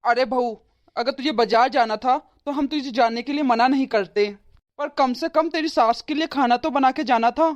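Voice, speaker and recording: A woman's voice: high voice, normal speed, highs cut off, lightly acted. A woman voicing a stern old father-in-law. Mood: scolding. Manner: scolding, lecturing. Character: stern elderly father-in-law, nagging but caring. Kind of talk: cartoon voice acting.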